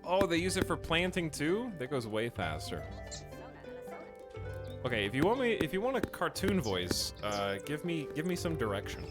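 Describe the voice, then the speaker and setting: Game music runs under a man who rambles to his chat while playing a building game, thinking aloud and talking casually. His voice is fairly high and very animated, at a moderate pace.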